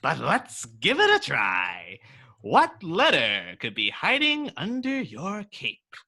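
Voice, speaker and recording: Taunting comic book villain, super bright n sharp, takes his time, gleeful and theatrical. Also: on the high side, huge pitch swings, takes it slowly, heavily acted. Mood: mock-pondering menace. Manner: cackling, theatrical, playfully menacing. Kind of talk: script table read, villain acting.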